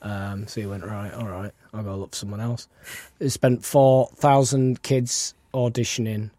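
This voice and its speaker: A man's voice: fairly low pitch, flat delivery, normal speed, warm tone, no echo, studio quality. A man co-hosting a podcast, chatting casually and retelling film trivia at length. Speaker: podcast co-host.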